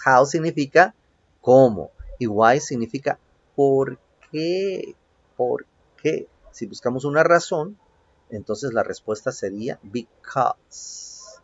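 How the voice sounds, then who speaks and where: Spanish-speaking guy teaching english slow and patient, gravelly voice, dry room. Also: mid-range voice, fairly bright tone, dry recording, lo-fi sound. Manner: slow, patient, repeats each phrase in English and Spanish, asks "¿ok?" often. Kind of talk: home-learning video lesson. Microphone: phone.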